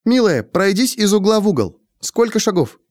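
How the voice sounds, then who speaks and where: A man's voice: high-pitched, very animated, moderate pace, darkish tone, no room sound, voice pushed up. A man voicing a determined young woman who keeps pressing with questions. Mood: coaxing. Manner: insistent questioning.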